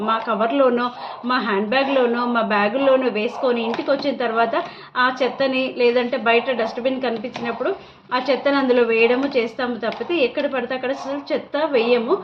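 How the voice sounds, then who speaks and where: A mother, telling a story to camera in a lively, animated way. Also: fairly high pitch, background noise. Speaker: mother and vlogger. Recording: dull lo-fi sound.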